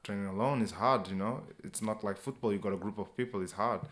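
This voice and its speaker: A man in his twenties from Portugal with a Portuguese accent, talking at length in an animated, casual way in English as an interview guest, often adding "you know". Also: lowish voice, fast talker. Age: 20s. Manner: animated, talkative non-native English with repeated "you know". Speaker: guest, personal trainer and former sprinter. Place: indoors, interview in England.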